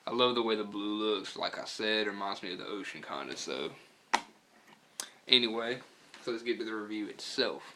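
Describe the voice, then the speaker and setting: An American man with a fairly low voice talks around a lip packed with dip. He rambles in a laid-back, casual way, swearing freely as he reviews and tells stories, with some throat-clearing. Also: normal speed, noisy background. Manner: talking with lip full of dip. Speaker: product reviewer and storyteller. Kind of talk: casual profane vlog chat.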